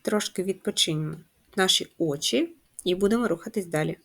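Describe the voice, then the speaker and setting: A woman's voice: lowish voice, a little fast, vocal fry, fairly bright tone, soft background music. A woman teacher giving a first-grade handwriting lesson, patient and instructive, spelling out letters and sounds one by one. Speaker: primary school teacher.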